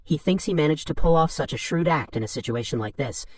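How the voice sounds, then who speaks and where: A man narrating a story recap in an even, flat reading of third-person summary. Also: fairly high pitch, fast talker, dry recording.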